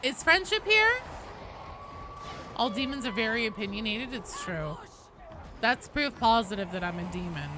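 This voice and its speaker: A woman game streamer chats casually and playfully with her live viewers, keeping things informal. Her voice sits on the high side and is very animated, at a normal speed with frequent pauses. Background noise is clearly audible behind her.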